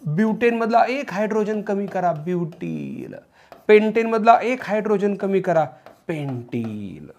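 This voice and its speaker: A male teacher giving a chemistry lecture to students. He drills them in a loud voice and chants the names of compounds in a sing-song way. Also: high voice, steady tone, moderate pace.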